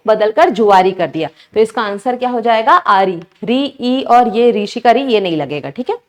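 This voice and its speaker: A woman teaching an exam-prep lesson, explaining each answer step by step and constantly asking her students questions. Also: a little high.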